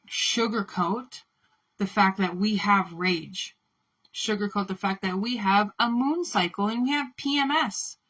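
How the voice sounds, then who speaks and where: A woman's voice: medium pitch, sharp tone, rough recording. A woman delivering an impassioned spiritual monologue, fiery and profane, building repeated chant-like affirmations. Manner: fiery, swearing, chant-like repetition. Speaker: spiritual speaker.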